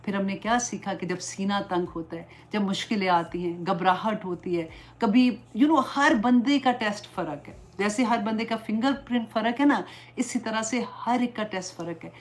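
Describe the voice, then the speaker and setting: A middle-aged woman religious teacher giving an earnest, pleading lecture, mixing English words into her talk. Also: medium pitch. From Pakistan.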